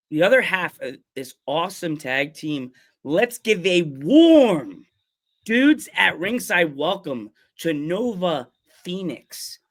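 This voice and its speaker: A man with a fairly high, slightly bright voice hosts a wrestling podcast, enthusiastically welcoming and interviewing guests in a casual chat and repeatedly saying "awesome."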